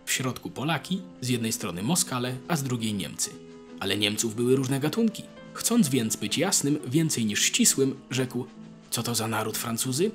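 Man reading an old tale out, middle pitch, expressive, soft music under it. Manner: measured, expressive storytelling. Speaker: narrator. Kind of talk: scripted narration of a classic story. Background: faint music.

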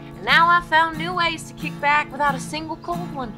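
A woman's voice: high voice, fairly even intonation, moderate pace, over music, lightly acted. A woman playing a folksy, emphatic character proud of giving up beer, in a comedy sketch. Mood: proudly reformed. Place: outdoor backyard.

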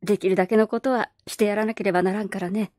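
A woman voicing a kindly, gruff old Parisian man who talks bluntly in a storybook reading. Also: medium pitch, steady tone, rapid-fire, dark tone, dry recording, clean studio sound, natural voice. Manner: gruff, blunt, folksy speech.

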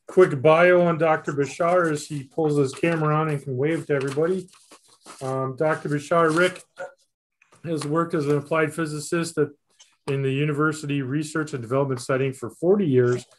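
Guy reading a speaker intro on zoom, higher voice, few slips n ums. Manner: reads a bio with small slips and fillers. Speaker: event host. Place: small office indoors. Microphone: video call webcam.

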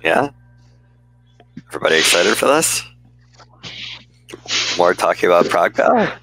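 A man's voice: low-pitched, very animated, a little slow, creaky, fairly bright tone, faint music behind, rough recording. A man from the United States moderating a panel over a video call, talking loosely with jokes and plenty of fillers. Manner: loose, joking, lots of fillers. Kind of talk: casual panel chat. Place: home room on video call. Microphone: headset.

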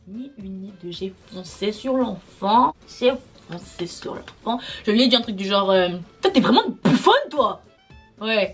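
A young woman vlogging a storytime, exasperated and slangy, swearing as she vents. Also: a little high. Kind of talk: casual storytime monologue.

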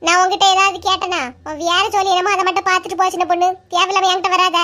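This is a squeaky, sky-high cartoon voice for a gossiping village woman. She bickers indignantly in a Kanyakumari Tamil accent. She sounds quick to take offence. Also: level tone, pushed and bright. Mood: angry. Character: quarrelsome village women, touchy and loud. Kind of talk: animated comedy voice acting.

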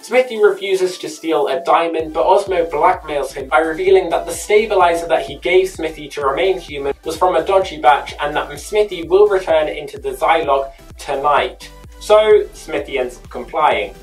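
A chatty YouTube host narrates a scripted episode recap and drops in personal asides. The voice sits at a middling pitch. It is picked up from a distance, with faint music playing underneath. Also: moderate pace.

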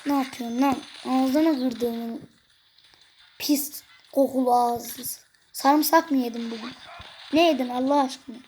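A gaming video creator giving excitable gameplay commentary, cursing and joking at the game characters. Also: sits high, normal speed, slight background noise.

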